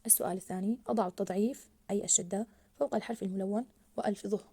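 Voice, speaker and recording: A woman teaching a grammar lesson to young children, slowly stretching out words as she models them and praising her pupils. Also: mid-range voice, fairly even intonation, dark tone, breathy edge.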